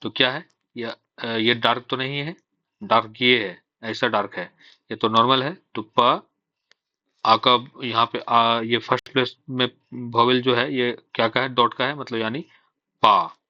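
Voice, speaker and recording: Steady in tone and moderate in pace, a medium-pitched male voice walks through a shorthand lesson step by step. He switches English terms into his Hindi and questions himself before giving the answers. The sound is lo-fi, with no room sound.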